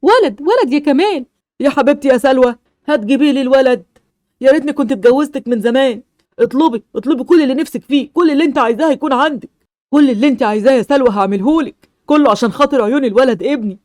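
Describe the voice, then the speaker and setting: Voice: high voice, rapid-fire, a little mellow, no room sound, studio quality, natural voice. Someone voicing a blunt Egyptian father. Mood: overjoyed. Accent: Egyptian Arabic. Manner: blunt, stubborn, dismissive. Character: harsh middle-aged father obsessed with having a son. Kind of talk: amateur animated-game movie voice acting.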